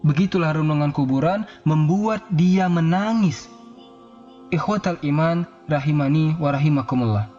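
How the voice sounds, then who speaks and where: A man preaching to a congregation, telling a religious story earnestly and drawing out the Arabic phrases slowly. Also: fairly high pitch, warm tone. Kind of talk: sermon storytelling. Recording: slightly dull recording with faint music.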